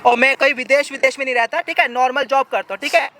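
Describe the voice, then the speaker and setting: Here the actor's high voice has a sharp edge, a fairly even intonation and a quick pace. In this family drama skit he's a brash, bossy young husband who coldly dismisses his wife and constantly tacks on "ठीक है?", meaning "right?".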